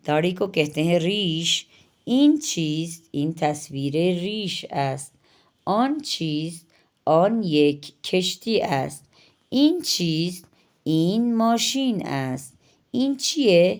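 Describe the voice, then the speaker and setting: A woman teaching Persian vocabulary in Urdu. She says each new word slowly and asks each practice question in a raised voice. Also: deep voice, a little mellow. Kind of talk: language lesson.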